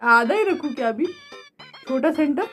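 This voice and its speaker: A young woman with a high, bright voice tells a mishap story on her craft vlog. She talks in an animated, dramatic way and laughs often. Soft music plays quietly behind her. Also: fairly quick. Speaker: craft vlogger.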